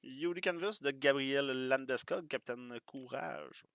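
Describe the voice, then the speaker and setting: Bright-voiced Québécois card break host. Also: male voice, medium pitch. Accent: Quebec French. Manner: quick, joking, chatty with viewers. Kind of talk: live card break commentary.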